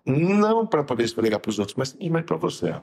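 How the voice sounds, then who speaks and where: A man, a rabbi co-hosting a podcast, telling stories in a lively way and acting out the dialogue with sudden high shouts. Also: fairly quick. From Brazil. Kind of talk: casual podcast chat.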